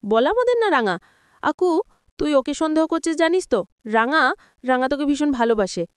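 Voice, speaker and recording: A woman's voice: high-pitched, expressive, moderate pace, dry recording, clean studio sound. A woman voicing a curious, concerned young woman in a storybook retelling of a TV serial, full of questions.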